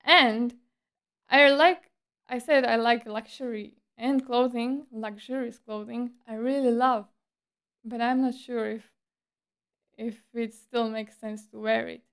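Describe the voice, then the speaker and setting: A woman's voice: fairly high pitch, steady tone, slow pace, a bit bright, clear, resonant tone. A woman streamer chatting casually in a livestream monologue, with a breezy, playful and slightly coy, teasing manner.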